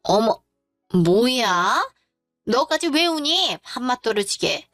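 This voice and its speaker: A sneering, blunt mother-in-law in a dramatized story, as a woman puts her on. The voice sits a little high and sounds close and dry, with faint music underneath. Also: very animated, takes it slowly, a bit bright, dry recording, exaggerated voice. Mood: scornful. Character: rude scornful middle-aged mother-in-law.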